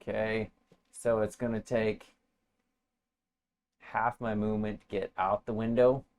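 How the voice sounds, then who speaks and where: A man playing a tabletop game, talking through his moves in a halting, thinking-aloud way. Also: on the low side, little pitch movement, a little mellow. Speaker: player. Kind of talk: casual tabletop game play.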